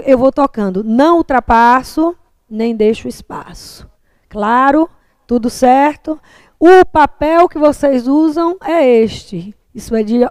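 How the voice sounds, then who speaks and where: A woman's voice: high-pitched, a little mellow, no room sound. Brazilian woman teacher, patient explainer. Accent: Brazilian Portuguese. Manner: patient, explanatory, frequent checks like "tá?". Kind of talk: classroom lecture on writing.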